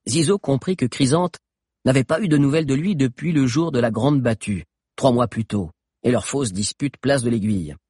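A man's voice: mid-range voice, normal speed, husky, dry recording, clean studio sound. A man reading a novel aloud as scripted narration, telling the story expressively. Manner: expressive storytelling, voices characters. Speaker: audiobook narrator.

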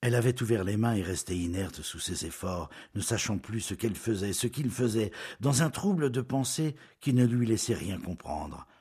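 A man reading a novel aloud in scripted narration, measured and intimate, often dropping to a hush. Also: on the low side, animated, breathy edge.

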